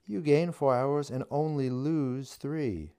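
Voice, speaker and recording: A man voicing a witch who speaks deadpan and teasing, with a wry edge. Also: mid-range voice, takes it slowly, clean tone, voice pushed up. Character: wry, deadpan witch facing death, woman.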